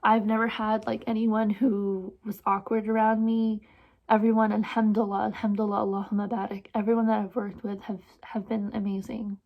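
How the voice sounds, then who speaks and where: A young woman in her twenties, her accent a blend of Trinidadian and New Jersey, chats through viewer questions in a casual vlog. Her voice has a gravelly, fry-tinged texture at a mid pitch, and she rambles with fillers and laughs at herself. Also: flat delivery, a little fast, narrow, tinny audio. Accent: mixed Trinidadian and New Jersey. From born in Trinidad and Tobago, raised in New Jersey. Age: 20s. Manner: self-deprecating and giggly, with filler-heavy rambling. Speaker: vlogger and photographer.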